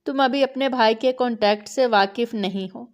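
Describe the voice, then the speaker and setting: A woman voicing a gentle protective elder brother. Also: on the high side, natural voice. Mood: soothing.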